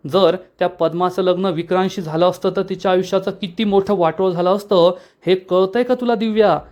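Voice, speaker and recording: A man voicing a fiery, sharp-tongued young woman in a retold TV serial, scolding emphatically. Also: high-pitched, steady tone, a little fast, close to an everyday voice. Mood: angry.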